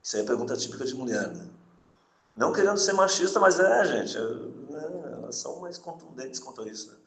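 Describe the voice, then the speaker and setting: A man's voice: medium pitch, animated, fairly quick, creaky, a bit bright. Chatty male teacher in a roomy space. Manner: chatty, repeats points, tags lines with "né" and "tá"; jokes with the class, then returns to the rule. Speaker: Portuguese teacher. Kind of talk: adult-education grammar lesson.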